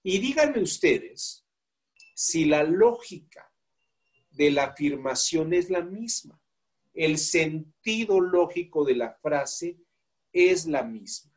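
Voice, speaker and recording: A man's voice: on the high side, big pitch swings, takes it slowly. A man with a Mexican accent teaching a law class, asking the students questions and coaxing volunteers to read aloud. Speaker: law course instructor. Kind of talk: classroom lecture.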